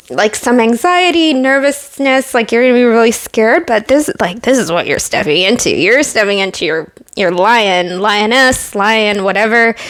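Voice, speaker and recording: Chatty, emotional woman tarot reader, fairly high voice. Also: fairly bright tone. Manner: chatty, many fillers, emotional and earnest. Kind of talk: casual pick-a-card tarot reading.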